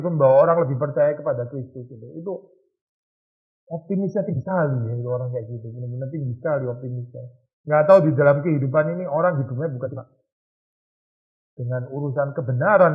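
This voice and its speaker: A male pastor gives an informal lecture to a youth group, keeping it conversational and tossing rhetorical questions at his listeners. His voice sits at an ordinary middle pitch. The sound is narrow and tinny, as if heard down a phone line. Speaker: pastor teaching a youth Bible study.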